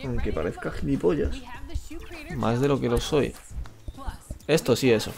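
Gravelly Spanish man rambling while gaming. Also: mid-range voice, measured pace, darkish tone, soft background music. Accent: Spain Spanish. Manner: rambling, self-mocking, swears a lot. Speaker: gamer streaming live. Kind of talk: live gameplay commentary.

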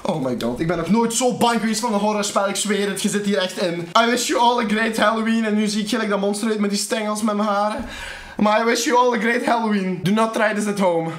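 A Flemish-accented man gives horror game let's-play commentary, loud, swearing and jumpy. His voice sits very high and reaches a distant mic in an echoey room, with clear noise underneath. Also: quick pace. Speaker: gaming YouTuber. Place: room at home, wearing a VR headset.

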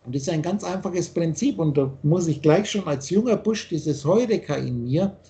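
A man's voice: on the high side, expressive, moderate pace, warm tone. An older man from Austria, lecturing at length as a spiritual teacher over a video call, rambling and insistent, often restarting his sentences.

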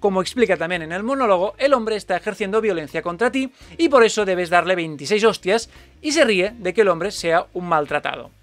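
A man's voice: high voice, expressive, a little fast, a bit bright, no echo. A man delivering a sarcastic, scripted video commentary. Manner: sarcastic, mock-questioning. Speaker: YouTube commentator.

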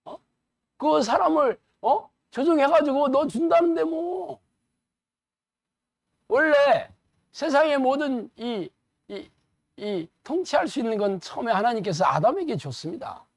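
Animated colloquial male pastor preaching. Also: extremely high pitch, a little slow, vocal fry, pauses often, no room sound, clean studio sound. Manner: animated, colloquial, rhetorical questions. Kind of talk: sermon lecture.

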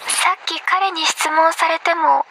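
A woman voicing a gentle, earnest young female adept in a polite, measured anime game style. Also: extremely high pitch, steady tone, vocal fry, background noise, exaggerated voice. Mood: hesitant, pensive.

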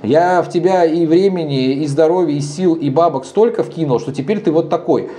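In a dim bar, a bar co-founder in his thirties gives a casual interview at a moderate pace. His voice is a little high, and he comes across as animated, gesturing freely and speaking frankly and bluntly.

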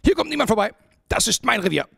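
A man voicing a gruff, territorial porcupine in a storybook reading, shouting in blunt, rapid-fire bursts with no pauses. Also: very high voice, sing-song, no room sound, clean studio sound, pitched above the performer's own voice, heavily acted. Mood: bossy, shouting.

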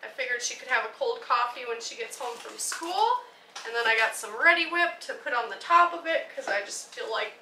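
Bright and pushed, her voice on the high side, a vlogging mother in her thirties moves briskly with lively intonation through her groceries, laughing a lot as she describes each one. A camera mic from across her dining table captures distant, roomy, noisy sound.

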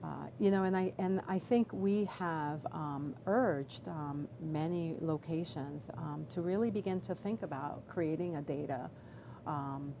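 Middle-aged woman doctor with a low voice; careful, hesitant answers, noisy line. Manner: measured, with many fillers and restarts. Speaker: obstetrician gynecologist, chief medical officer. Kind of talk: live video Q&A answer. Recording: background noise.

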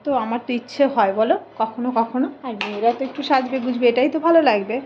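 A woman chats to her phone camera in a high voice, rambling and often correcting herself. The audio is muffled and lo-fi, with loud traffic noise behind her. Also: very fast. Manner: chatty, rambling, self-correcting. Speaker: vlogger. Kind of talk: casual chat to camera. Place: home, then street outdoors.

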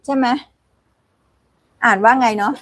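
A woman's voice: a little slow, a bit bright, dry recording. A woman hosting a casual live cooking stream from a home kitchen, chatting, laughing and thanking viewers as she cooks. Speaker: cooking livestream host.

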